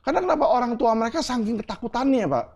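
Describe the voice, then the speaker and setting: Earnest man with a mellow voice. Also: extremely high pitch, animated, racing. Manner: earnest, explains with homely examples and asks "ya kan?". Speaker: interview guest. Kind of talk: candid interview answers.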